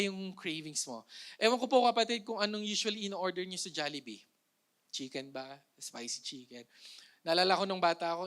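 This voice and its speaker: Bright-voiced Filipino preacher, playful. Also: male voice, high-pitched. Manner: playful, joking, asks the congregation rhetorical questions. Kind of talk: conversational Taglish sermon.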